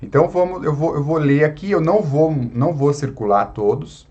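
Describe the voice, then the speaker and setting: A man's voice: fairly high pitch, normal speed, darkish tone, lo-fi sound. A man teaching an online Latin lesson in Brazilian Portuguese, explaining patiently with frequent tag questions.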